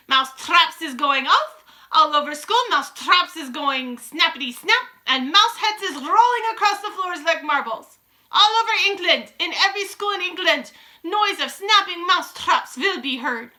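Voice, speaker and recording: Woman acting shrill, gloating Grand High Witch. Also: lively intonation, normal speed, exaggerated voice. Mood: loud, gloating. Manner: imperious shouting, sing-song chanting, broken grammar. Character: gloating wicked old Grand High Witch, shouting triumphantly. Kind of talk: dramatic storybook read-aloud.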